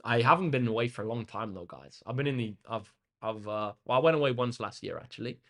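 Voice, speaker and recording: A laid-back young Englishman with a mid-range voice talks fast, hosting a maths tutoring livestream and casually answering live comments. He's relaxed and chatty, dropping frequent ums and uhs, in an indoor room facing a big window.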